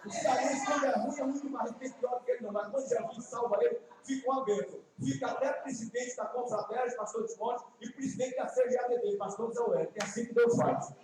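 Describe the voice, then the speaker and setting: A man from Ceará in his fifties, with a Northeastern Brazilian accent, preaching an evangelistic sermon with folksy asides and slow, emphatic lines. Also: very high-pitched, fairly even intonation, darkish tone, slight background noise. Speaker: guest preacher. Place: church sanctuary. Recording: echoey distant church livestream.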